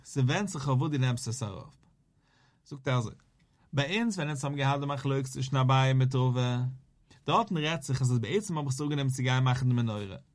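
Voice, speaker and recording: A man teaching a Talmud page in a sing-song study chant, mixing Hebrew and Aramaic terms into rough German and asking and answering his own questions. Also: mid-range voice, normal speed. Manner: explaining and repeating points, asking and answering itself. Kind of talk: Talmud lesson explaining a page.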